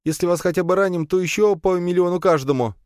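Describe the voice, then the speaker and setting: A man's voice: quick pace, darkish tone, clean tone, no room sound, studio quality, natural voice. A man voicing a frightened young man who pleads and sniffles in a raised, whimpering voice. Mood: mumbling. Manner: high-pitched, whimpering and pleading.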